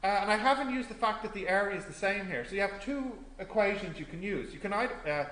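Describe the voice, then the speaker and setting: Male maths tutor, high voice, step-by-step and questioning; echoey room, faint noise. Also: lively intonation, quick pace, sharp tone. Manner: explains step by step, asks the class questions. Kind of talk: classroom tutorial. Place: classroom.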